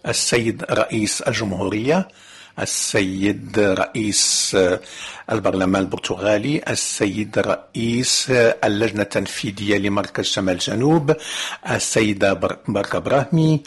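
A man giving a live interpretation of ceremony speeches. He speaks haltingly, cutting off words and restarting often. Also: on the low side, slightly rough. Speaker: simultaneous interpreter.

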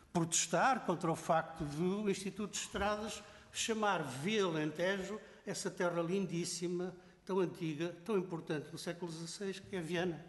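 A man's voice: sits high, long reverb tail. An older man from Portugal with a European Portuguese accent, a professor giving an indignant, emphatic public speech full of examples.

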